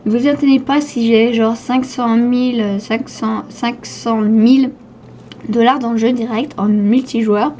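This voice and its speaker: A teenage girl with a slushy lisp on her s sounds, talking casually and haltingly as she answers questions in a vlog. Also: a little high, fairly even intonation, dark tone, a little hiss or hum. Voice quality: slushy lisp from new dental brace. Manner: hesitant, stumbling over words. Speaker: YouTube gamer answering viewer questions.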